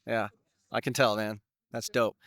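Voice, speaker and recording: A man interviewing a skater in an excited, chatty way, full of slang. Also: lowish voice, unhurried. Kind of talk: casual interview.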